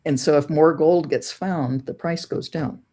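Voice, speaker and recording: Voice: mid-range voice, steady tone, a little slow, mellow. An astrology show co-host explaining ideas thoughtfully in casual conversation, weighing both sides.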